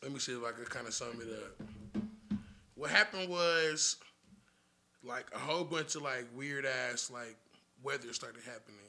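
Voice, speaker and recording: A man's voice: medium pitch, moderate pace, pauses often, bright, forceful tone. A man on a casual podcast, telling a long story in a rambling, profane way and laughing often. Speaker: podcast guest.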